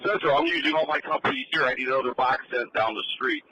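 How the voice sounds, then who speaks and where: A man's voice: mid-range voice, quick pace, bright, forceful tone, no echo. A man working as a fire officer, giving matter-of-fact, urgent firefighter radio reports to central dispatch. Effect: two-way radio. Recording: faintly noisy two-way radio.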